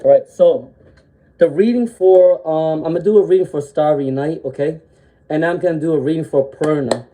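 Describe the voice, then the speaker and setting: Sniffling from a cold, a live-streaming tarot reader talks at a normal speed in a mid-range voice over poor audio. Her delivery is gentle and reassuring, peppered with "um" and finished off, sentence after sentence, with a questioning "okay?"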